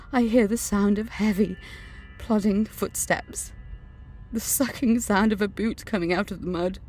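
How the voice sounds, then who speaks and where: A slightly high, darkish-toned woman's voice plays an angry, suspicious teenage schoolgirl in an audio drama. Terrified, she earnestly narrates memories and visions and delivers dialogue.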